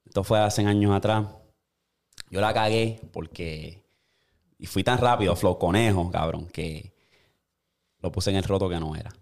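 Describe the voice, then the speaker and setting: Crude Puerto Rican podcast host. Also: male voice, low-pitched, a little slow, long pauses. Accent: Puerto Rican Spanish. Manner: crude, animated storytelling. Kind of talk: casual podcast chat.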